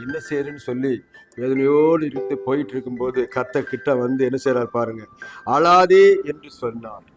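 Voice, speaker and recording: Fervent man preaching over music. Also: mid-range voice. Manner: fervent preaching, voice rising sharply for quoted words. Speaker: pastor. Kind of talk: sermon. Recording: music playing under the voice. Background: instrumental music.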